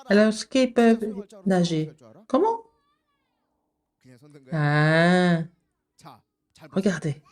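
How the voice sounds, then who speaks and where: A woman giving a children's sermon, asking the kids questions and answering them, with sudden high exclamations. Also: animated, takes it slowly, long pauses, dark tone. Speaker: kindergarten preacher.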